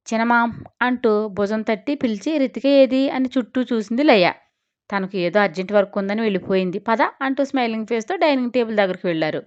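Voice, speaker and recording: A woman's voice: medium pitch, highs cut off. A woman hosting an audio story channel, narrating a romantic drama and reading every character's lines in her own voice with small changes. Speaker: storyteller host.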